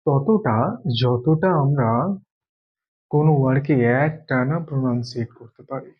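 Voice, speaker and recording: A man from Bengal gives a classroom grammar lesson at a middle pitch, working through each point slowly and repeating key words to drive them home. The sound is slightly dull and lo-fi. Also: steady tone. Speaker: English teacher.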